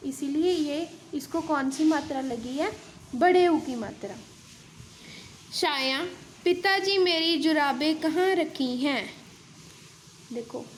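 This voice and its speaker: A female school teacher gives an online lesson in Hindi, her high voice carrying a slight hiss or hum. She explains things step by step, posing questions and answering them herself.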